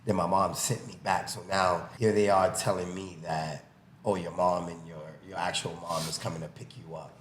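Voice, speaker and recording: A boxing coach guesting on a podcast speaks casually and emphatically in a low, flat voice at a moderate pace, telling personal stories and explaining with examples. Born in the US, he spent early childhood in Haiti and was raised in New York. The room is echoey, with faint background noise.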